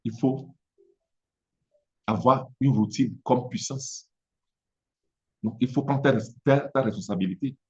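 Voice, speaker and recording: Speaking French with an Italian-influenced accent, a Togolese business coach and native Mina speaker gives a halting motivational talk, often repeating words as he searches. His voice is mid-range and warm, and the recording has its highs cut off.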